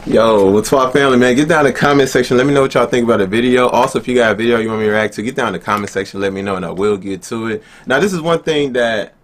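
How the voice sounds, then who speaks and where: Young male reaction host, chatty and upbeat, middle pitch, speaks to viewers like family. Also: very fast, few pauses. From Nigeria. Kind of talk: casual chat.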